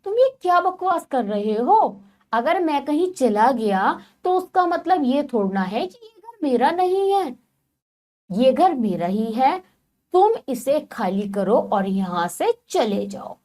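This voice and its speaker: A woman's voice: medium pitch, big pitch swings, slow. Woman reading as an indignant, scolding partridge. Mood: shouting angrily. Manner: shouting, scolding. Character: indignant male partridge defending his nest.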